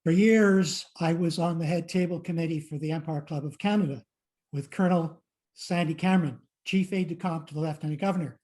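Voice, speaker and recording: A man's voice: on the high side, brisk, a little mellow. An older man, a guest, reading a prepared anecdote in a dry, understated way. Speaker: guest sharing a memory.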